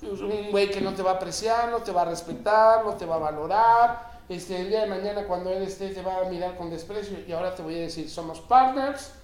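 A man's voice: high voice, fairly quick. Profane, emphatic Mexican man in an echoey room. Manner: profane, emphatic storytelling with swings of loudness. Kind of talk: casual podcast conversation.

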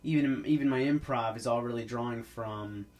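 A man talks alone on his podcast. He rambles in an easy, casual way, stumbling over his words and restarting often. His voice sits at an ordinary middle pitch. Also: normal speed, a little mellow. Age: 30s. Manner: rambling, with many restarts and fillers. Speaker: podcast host. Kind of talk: casual monologue.

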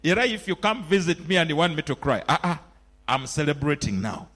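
Ugandan preacher, high and lively. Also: male voice, brisk. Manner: mixes in phrases of a local language. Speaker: pastor. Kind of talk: sermon.

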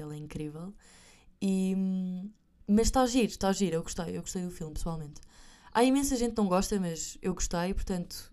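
A woman's voice: medium pitch, warm tone, smooth. A young woman with a European Portuguese accent telling a story to her viewers in a chatty, self-mocking way, slipping in English phrases. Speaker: vlogger.

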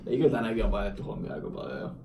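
A man's voice: on the low side, very animated, echoey room, distant mic, crowd noise. A man co-hosting a casual podcast from an office, rambling, laughing often and dropping in English phrases. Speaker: podcast co-host.

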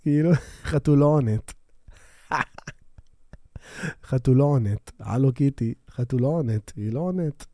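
A man's voice: medium pitch, dark tone, no room sound, clean studio sound. A man hosting his own podcast, talking casually into a microphone on a stand, rambling with many fillers and restarts and often poking fun at himself. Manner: self-deprecating and quick to laugh. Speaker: podcast host; bassist. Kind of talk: casual solo podcast monologue. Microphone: new microphone on a stand.

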